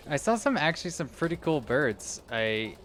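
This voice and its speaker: A man's voice: fairly high pitch, big pitch swings, a little slow, a bit bright, a little hiss or hum. A young man giving rambling, casual commentary while playing a video game, often losing his train of thought. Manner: rambling, meandering, self-interrupting. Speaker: gaming video creator.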